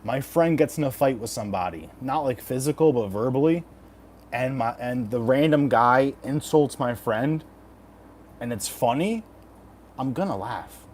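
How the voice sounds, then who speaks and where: Slow-paced frat-bro guy streaming. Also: medium pitch, lively intonation, darkish tone, slight background noise. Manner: frat-bro slang, crude and profane. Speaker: livestream host giving fight predictions. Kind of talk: casual livestream banter, reading and answering chat.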